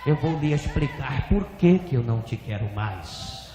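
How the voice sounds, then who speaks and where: A man voicing the stern, solemn voice of God in slow, heavy pronouncements. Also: medium pitch, expressive, voice pushed down, close to an everyday voice. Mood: rebuking. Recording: echoey hall reverb.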